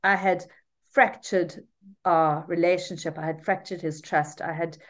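A middle-aged woman, a mother of three, co-hosting a casual podcast in an animated, reflective way that often repeats words. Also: on the low side, measured pace. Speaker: podcast co-host.

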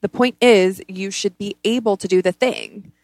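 A woman's voice: mid-range voice, fairly even intonation, moderate pace, a little mellow, no room sound. A woman hosting a casual motivational self-help podcast, speaking informally and bluntly, with emphatic repetition of words. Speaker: podcast host.

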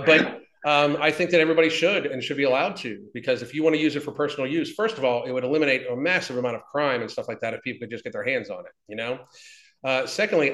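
A man's voice: medium pitch, a bit bright. Blunt, profane man in his fifties, echoey room. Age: 50s. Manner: blunt and profane, rambling with many restarts. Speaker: interview guest, fitness business owner. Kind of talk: casual interview talk.

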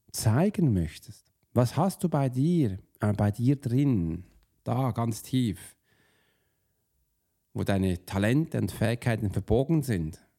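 A man's voice: fairly low pitch, mellow. A man teaching about self-sabotage as a profiling coach, speaking straight to the listener with casual rhetorical questions and restarting words mid-sentence. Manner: informal, restarts mid-word. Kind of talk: motivational teaching monologue.

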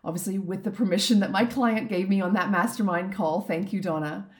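Croaky, earnest woman podcast host. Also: medium pitch, fairly even intonation, a little fast. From Canada. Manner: earnest, heartfelt, openly emotional. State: slightly croaky from a throat infection. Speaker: business and life coach, podcast host. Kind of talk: reflective solo podcast monologue.

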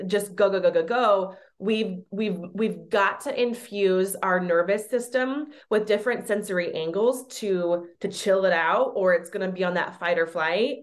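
A woman who works as a children's therapist, a podcast guest talking in a chatty, animated way with many fillers. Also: mid-range voice. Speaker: pediatric occupational therapist guest. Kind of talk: casual podcast conversation.

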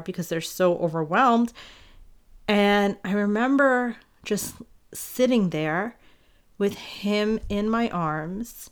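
A woman's voice: lowish voice, smooth. A young adult woman and mother, speaking in an earnest, reflective way, with many fillers and restarts. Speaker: parent sharing a personal story. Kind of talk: heartfelt personal monologue.

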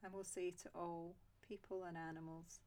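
Female meditation guide: low and steady, soft and unhurried, long calm pauses. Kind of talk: guided loving-kindness meditation.

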